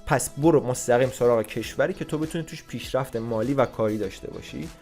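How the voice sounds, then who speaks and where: Brief: young man vlogger, mid-pitched, blunt advice, faint music bed. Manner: blunt and forceful, scolds and swears at the listener. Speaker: vlogger giving immigration advice. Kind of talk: casual advice monologue.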